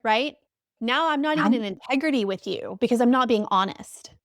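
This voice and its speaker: A woman's voice: a little high, lively intonation, brisk, dry recording, clean studio sound. A young adult woman speaking as a podcast guest and coach, emphatic and repeating key phrases for effect. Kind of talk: conversational podcast interview.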